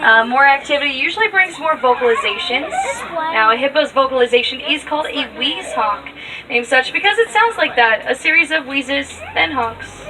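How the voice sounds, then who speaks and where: A woman with a high, expressive voice gives upbeat live commentary at a moderate pace as a safari guide, riding outdoors in a moving safari vehicle. The mic sits at a distance, and the open vehicle is noisy with passengers and crowd sound.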